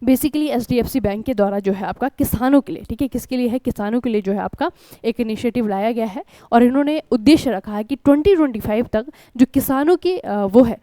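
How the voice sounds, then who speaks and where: A woman's voice: on the high side, a little fast, warm tone, no echo. An Indian woman teaching an online exam-prep lesson in a conversational way, often checking in with her students. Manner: conversational, keeps asking "ठीक है?" and addressing students as children. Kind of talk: online current-affairs lesson.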